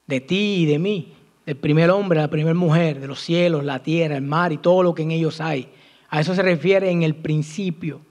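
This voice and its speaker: Man preaching a sermon, kinda high voice, takes his time, asks the church questions then answers them. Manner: slow, emphatic delivery with sudden rises and drops in pitch and loudness.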